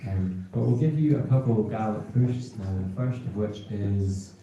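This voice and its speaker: A man's voice: fairly low pitch, moderate pace, mellow, muffled recording. Echoey Hebridean man, chatting on stage. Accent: Hebridean Scottish. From North Uist, Western Isles, Scotland. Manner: hesitant, rambling, informal. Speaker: folk piper introducing his set on stage. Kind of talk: casual, chatty between-tunes stage talk. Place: indoor concert hall, on stage. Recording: echoey hall, distant live concert pickup.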